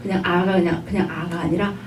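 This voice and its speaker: A woman lecturing in an online class, patient and repetitive, stopping to model drawn-out sounds. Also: fairly low pitch, level tone, recorded from a distance. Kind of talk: online lifelong-learning lecture. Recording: echoey room, voice off-mic, faint hum.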